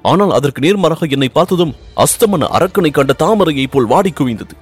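A man's voice: fairly high pitch, expressive, a little fast, breathy edge, soft background music, pitched above the performer's own voice. A man reading aloud and voicing an anxious young prince in love, speaking earnestly and pleadingly. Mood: yearning. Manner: earnest, pleading, rising with emotion. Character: young Pandya prince, ardent and anxious lover.

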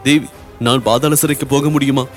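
A man's voice: medium pitch, steady tone, normal speed, soft background music, close to an everyday voice. A man voicing a grieving young noblewoman who pleads through sobs. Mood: pleading. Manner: sobbing, imploring.

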